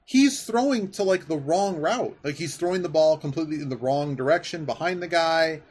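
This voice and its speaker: This man's voice sits on the high side and sounds a little mellow, moving at a moderate pace. He's a podcast host rambling happily through a casual sports conversation, and background noise can be clearly heard.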